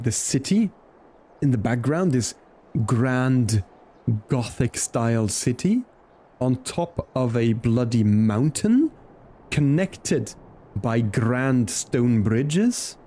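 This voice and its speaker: Here a medium-pitched man speaks slowly yet animatedly, his tone dark. Streaming a video game, he chats casually and reacts aloud to both the game and his audience while game music plays.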